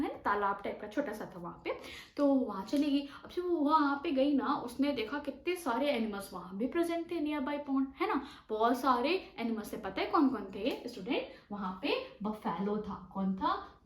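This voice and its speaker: A woman giving a mock lesson to imagined young students, animated, asking questions and answering them herself. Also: sits high, echoey room, poor audio. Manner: imitates animal sounds. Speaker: teacher giving a demo lesson.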